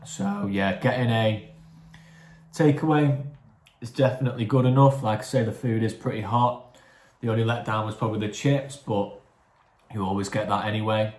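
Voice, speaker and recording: A man casually talking through a takeaway food review for his vlog, chatty and relaxed, sometimes talking with his mouth full. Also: lowish voice, normal speed, echoey room. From England, near Chester.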